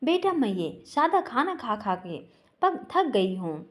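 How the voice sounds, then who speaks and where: A woman voicing a gentle, worried older mother who talks softly and tenderly to her son. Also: a little high, sing-song, slow.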